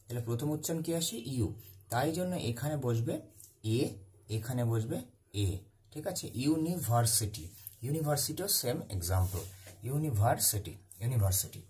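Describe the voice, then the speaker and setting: A man explains a grammar rule like a teacher in a classroom. His voice is mellow and dark, at a middle pitch. He says key words again and again and answers his own questions. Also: very animated, normal speed. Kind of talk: classroom-style grammar lesson.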